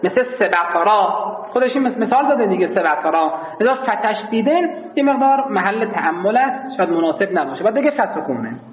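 A man teaching a grammar class, explaining patiently to his students and slowly chanting lines of classical verse. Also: sits high, sing-song, reverberant, long reverb tail, muffled recording. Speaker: seminary teacher of Arabic grammar. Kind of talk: classroom lecture.

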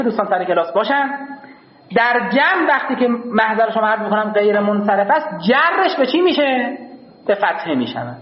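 A man with a very high, lively voice gives a grammar lecture to a class, asking questions and answering them himself. He speaks in formal, courteous phrases and repeats his key points. The recording is dull and lo-fi, with a roomy echo. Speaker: teacher.

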